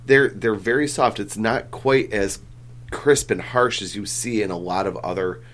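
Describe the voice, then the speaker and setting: Man, lowish voice, podcast host, loose and rambling, full of ums, casual cursing. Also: unhurried, a bit bright. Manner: rambling, filler-heavy, swears casually. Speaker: comic book podcast host.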